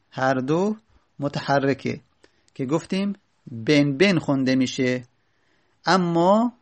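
A man teaching a lesson, reading short lines of a grammar text and then explaining them step by step, often asking and answering his own questions. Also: on the high side.

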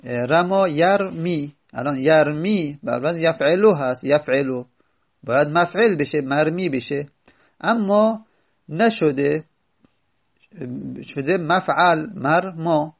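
A teacher with a gravelly, fairly high voice teaches Arabic grammar from a classical text, reading a line and then explaining it. He asks and answers his own questions, leaving long pauses.

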